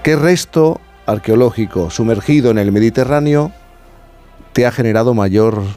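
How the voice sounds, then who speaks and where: Mellow-voiced male radio host. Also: mid-range voice, moderate pace, faint music behind. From Cádiz, Spain. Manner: friendly, guiding questions. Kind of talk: radio interview.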